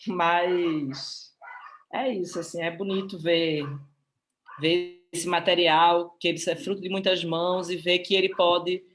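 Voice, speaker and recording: A woman's voice: on the low side, level tone, moderate pace. Emotional Brazilian woman presenting live. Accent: Brazilian Portuguese. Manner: emotional, heartfelt. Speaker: activist presenting a publication.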